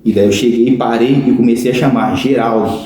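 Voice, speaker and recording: A podcast guest with a Brazilian Portuguese accent tells his personal conversion testimony in an earnest storytelling manner, often calling his listener "cara." His mid-range voice is dark and fairly even in intonation, fairly quick, recorded in a very echoey room.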